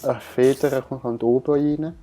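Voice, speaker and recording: Playful young Swiss German gamer. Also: male voice, mid-range voice, fairly even intonation, slow, dark tone, faint music behind. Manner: playful, whiny, teasing. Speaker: let's play host. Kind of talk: casual gameplay chat.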